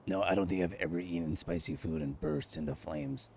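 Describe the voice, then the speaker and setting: A man's voice: sits low, fairly even intonation, fairly quick, a little mellow, slight background noise. A man in a casual in-character roleplay conversation, asking questions and chatting along. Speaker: roleplay player.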